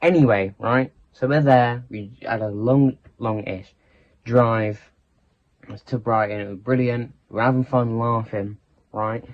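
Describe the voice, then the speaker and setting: A teenage boy rambles through a storytime in casual chat, often cutting himself off mid-thought. His mid-range voice stays steady at a measured pace, and the recording has its highs cut off.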